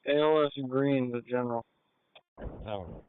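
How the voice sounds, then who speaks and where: A man's voice: mid-range voice, unhurried, smooth. A man on patrol answering over police radio with terse call signs and short replies. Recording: tinny radio with faint static.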